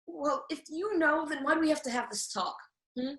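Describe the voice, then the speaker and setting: A woman's voice: high voice, normal speed, a bit bright. A woman playing a feisty, anxious fairy-tale little girl in a comedic radio play, flustered, defensive and sarcastic. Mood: anxious, pleading. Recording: roomy, echoing sound.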